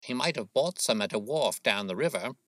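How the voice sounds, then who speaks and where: A man voicing a shrewd, smooth-talking gentleman detective, suave and probing, in an audiobook story. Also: mid-range voice, animated, fairly quick, dry recording, studio quality, voice pushed up, lightly acted.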